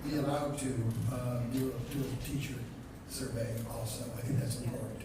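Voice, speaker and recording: A man speaks haltingly through a crackly, staticky call line that keeps breaking up. He sounds far from the mic, with a hollow echo and heavy hiss all around his words. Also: mid-range voice, fairly even intonation. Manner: halting, with fillers and restarts. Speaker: remote meeting participant.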